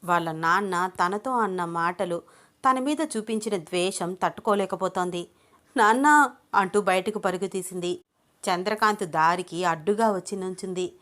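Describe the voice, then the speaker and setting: A woman storyteller reading a scripted love story with steady, expressive narration. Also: on the low side, normal speed.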